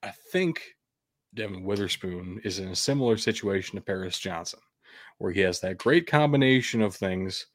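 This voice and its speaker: Low-voiced man giving blunt sports opinions. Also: expressive, moderate pace, no echo, studio quality. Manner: opinionated, blunt, occasionally profane. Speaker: sports show host. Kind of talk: casual sports commentary.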